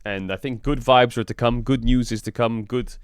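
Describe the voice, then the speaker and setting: A man streaming in casual chat, frank and rambling, swearing often, with a flat delivery because he just woke up. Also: normal speed, clear, resonant tone, no room sound, clean studio sound. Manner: flat, low-energy delivery. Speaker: streamer and esports team owner.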